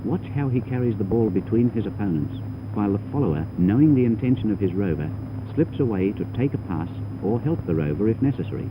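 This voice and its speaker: A lowish-voiced man narrates at a quick pace, animated yet formal and teaching in tone, reading a script for a 1930s training film. The audio is dull and comes from a noisy old soundtrack.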